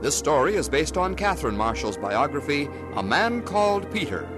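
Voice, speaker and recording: A male announcer speaks in formal, measured broadcast style, his middle-pitched voice rising and falling with lively emphasis. Organ music plays clearly behind him on this vintage broadcast.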